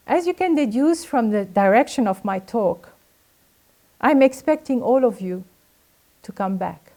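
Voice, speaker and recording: A woman's voice: fairly high pitch, lively intonation, measured pace, warm tone. An older woman from Lebanon delivering a formal, earnest graduation speech that urges her listeners on. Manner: earnest, exhorting. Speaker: graduation speaker.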